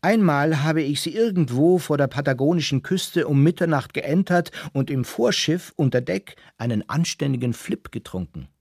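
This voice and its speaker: A man's voice: fairly high pitch, expressive, moderate pace, vocal fry, few pauses, darkish tone, breathy edge, dry recording. Man narrating in a dry close voice. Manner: wry, digressive storytelling. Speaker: first-person narrator. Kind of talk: scripted narration.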